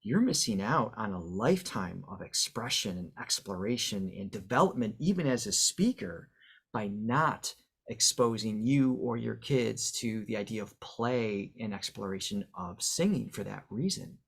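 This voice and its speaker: A man's voice: lowish voice, animated, moderate pace, vocal fry, breathy edge. A man, a voice coach and guest on an interview podcast, explaining how speech and singing work through examples, with the odd filler.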